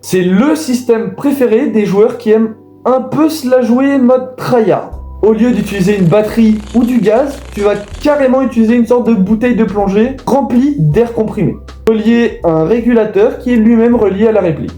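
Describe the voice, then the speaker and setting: High-voiced man, echoey room. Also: moderate pace, hardly any pauses, mellow. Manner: casual, addresses viewers directly. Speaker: video host. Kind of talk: explanatory voice-over. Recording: echoey room with faint music.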